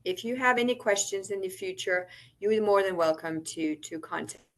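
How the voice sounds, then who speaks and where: A woman presenting a webinar over a weak connection, so her audio cuts out and her volume is uneven, and she talks haltingly with many restarts. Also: medium pitch. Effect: audio cutting out, uneven volume. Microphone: computer mic on a phone hotspot.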